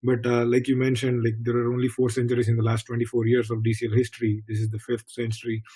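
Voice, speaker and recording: Flat-toned, earnest male analyst. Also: medium pitch, fast, husky. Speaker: regular guest analyst. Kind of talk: casual radio sports chat.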